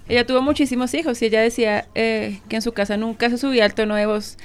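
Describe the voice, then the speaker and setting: Fast-talking agreeable woman co-host. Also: on the high side, fairly even intonation. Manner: agreeable, quick affirmations. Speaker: radio program co-host.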